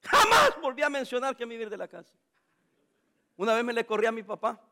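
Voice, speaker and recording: Brief: middle-aged pastor, playful preacher, unusually high voice for a man. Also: big pitch swings, fast talker, bright, forceful tone. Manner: jokey, storytelling preacher, playful. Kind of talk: sermon.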